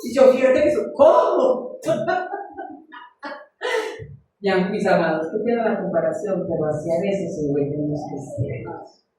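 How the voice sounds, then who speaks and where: A woman's voice: lowish voice, animated, unhurried, pauses often, warm tone, slight background noise. A woman preaching a sermon, earnest and story-driven, calling her congregation beloved. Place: church. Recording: echoey room, far from the mic.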